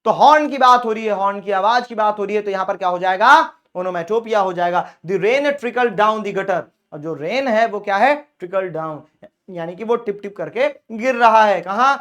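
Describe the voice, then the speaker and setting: A male teacher with a Hindi accent talks through an exam-prep grammar lesson in a fairly high voice. He explains points in Hindi and calls his students "bhaiya". When he reaches the English examples he reads them out slowly. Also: a bit bright.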